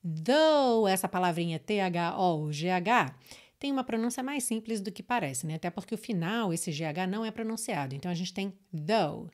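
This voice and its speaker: A woman from Brazil, an English teacher, who explains pronunciation step by step and repeats lines slowly and clearly. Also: medium pitch. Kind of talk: online English lesson with course promotion.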